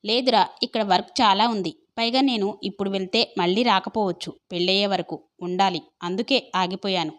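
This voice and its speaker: A woman's voice: medium pitch, brisk, hardly any pauses, lightly acted. A woman voicing a lovestruck young man who talks tenderly and affectionately in an audio love story.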